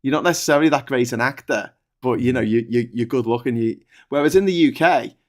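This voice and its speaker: Male talk show host, soft Scouse, mid-pitched, casual and colloquial, freely opinionated. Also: fast talker. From Liverpool, England. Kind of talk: casual chat.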